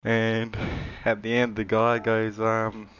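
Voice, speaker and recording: A man's voice: lowish voice, monotone, slow, fairly bright tone, a little hiss or hum, rough recording. A man streaming a racing game, chatting casually and joking with chuckles between his stories. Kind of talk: casual live-stream chat.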